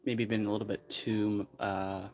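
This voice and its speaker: A man's voice: fairly low pitch, flat delivery, a little slow, a little hiss or hum. A man hosting a casual tea livestream, rambling and hesitant with frequent chuckles. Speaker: livestream host. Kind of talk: casual live-stream chat.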